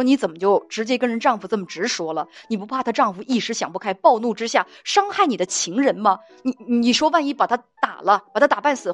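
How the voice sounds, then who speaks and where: A woman hosting a relationship advice show, telling a listener's story with scorn and indignation and laughing along the way. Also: a little high. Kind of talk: storytelling commentary. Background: faint music.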